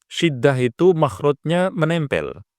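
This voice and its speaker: A man teaching correct recitation, explaining patiently and repeating points, breaking into drawn-out chanted examples. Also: fairly high pitch, very animated, a little mellow, no room sound, studio quality. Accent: Indonesian. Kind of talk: instructional explanation with chanted call-to-prayer examples.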